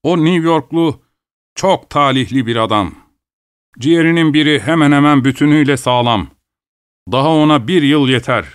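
A man's voice: fairly high pitch, moderate pace, clear, resonant tone, no echo, studio quality, natural voice. A man reading aloud and voicing a sick, hard-drinking young man who talks in a boastful drawl. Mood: chatty.

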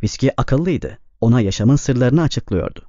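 Warm-voiced male audiobook narrator. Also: mid-range voice, very animated, normal speed, no echo. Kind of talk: scripted narration. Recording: slightly dull, dry recording.

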